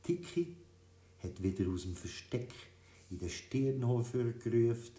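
A man reading a children's story, in a lively, expressive telling. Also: mid-range voice, a little slow. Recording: roomy echo.

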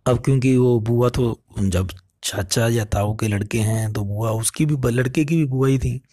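A man telling a moral story in an earnest, preachy, animated storytelling manner. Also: mid-range voice, measured pace, dry recording, studio quality. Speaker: motivational speaker.

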